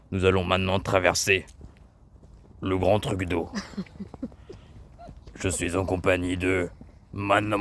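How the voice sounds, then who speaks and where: Man, disguised deep voice, voice changer, mock-mysterious vlog narration, slow. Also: a bit bright, slight background noise. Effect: voice changer lowering his pitch into a mysterious disguise. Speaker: vlogger.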